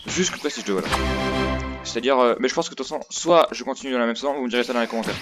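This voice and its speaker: This gaming video host has a medium-pitched voice and talks very fast over loud music. He rambles and hesitates as he thinks aloud during a casual let's play, recorded on a noisy headset microphone that picks up clicks and clear background noise.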